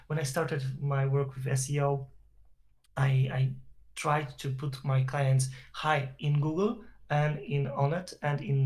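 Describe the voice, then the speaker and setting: Polish-accented male guest, mid pitch, talks at length, hesitant restarts, call audio. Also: a little mellow. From Poland. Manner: explains at length with many fillers and restarts. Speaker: interview guest, SEO professional. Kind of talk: casual online interview. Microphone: video call.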